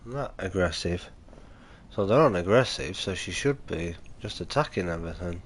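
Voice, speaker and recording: A man with lively intonation and a normal pace hosts a casual gaming livestream, chatting easily with viewers. His voice sounds nasal and stuffy from a cold, and his manner is low-key, chatty and easygoing.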